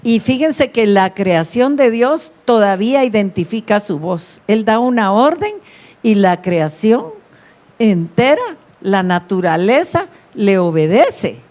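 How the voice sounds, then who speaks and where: Woman pastor, sermon, unhurried delivery, calls for amen. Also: medium pitch, very animated, darkish tone. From Guatemala. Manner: slow, deliberate preaching with calls for amen. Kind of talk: sermon with prayer.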